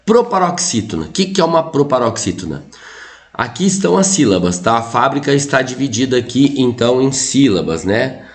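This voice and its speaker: A Brazilian man teaches a grammar lesson online, in a voice that jumps up and drops down all the time. He keeps pointing at the board and checking that his students are following. His tone is chatty and energetic. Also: medium pitch, brisk. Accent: Brazilian Portuguese. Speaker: Portuguese teacher.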